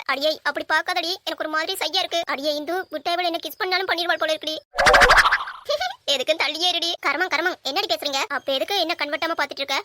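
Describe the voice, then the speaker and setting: A woman's voice: sits high, pushed and bright, no echo. A young woman in a comedy skit, chattering and teasing like gossiping friends. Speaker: skit performer.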